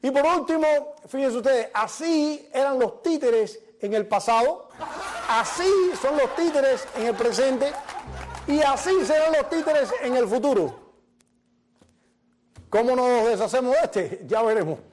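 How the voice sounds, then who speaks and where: A man's voice: very high voice, expressive, measured pace, a little mellow. A middle-aged man, hosting a TV show with a joking stand-up monologue. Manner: joking storyteller, punchline delivery. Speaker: TV show host. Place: television studio.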